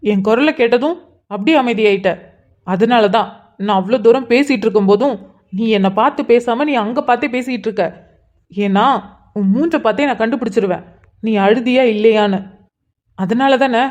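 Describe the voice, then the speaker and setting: A woman's voice: on the high side, moderate pace, long pauses, a little mellow, natural voice. A woman voicing an earnest young man who keeps pressing his elder sister with pleading, insistent questions in a cartoon. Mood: probing. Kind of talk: cartoon voice acting.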